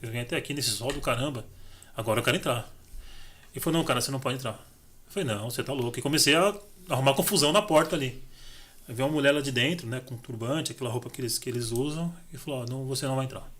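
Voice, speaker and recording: A man's voice: medium pitch, rapid-fire. A middle-aged man, a podcast guest telling his life story in casual chat and acting out the dialogue. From Brazil. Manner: animated, acts out dialogue in his stories.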